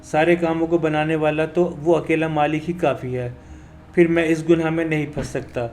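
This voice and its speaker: Male narrator as a devout imam: earnest, pleading, a little high-pitched. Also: flat delivery, normal speed, darkish tone, slight background noise, close to an everyday voice. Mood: earnest refusal. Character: devout, God-fearing male mosque imam.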